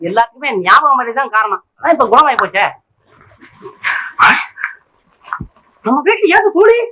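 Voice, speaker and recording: An actor playing a forgetful young husband in a 1960s film comedy, talking in a quick, teasing, muddled way. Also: male voice, very high-pitched, very animated, sharp tone, exaggerated voice, low-quality recording. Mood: fretting. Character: absent-minded young husband, comic, scatterbrained.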